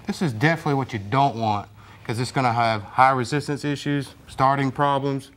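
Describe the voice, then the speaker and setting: A man's voice: medium pitch, brisk, fairly bright tone. A man in his thirties, a technician and instructor, explaining repairs plainly in a large workshop on a lapel mic. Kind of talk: hands-on repair demonstration.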